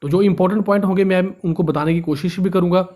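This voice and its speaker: High-voiced man teaching a textbook lesson. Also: fairly even intonation, quick pace, a little mellow. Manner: reads a line, then explains it in simpler words; often stumbles and restarts words. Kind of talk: reading and explaining a textbook lesson.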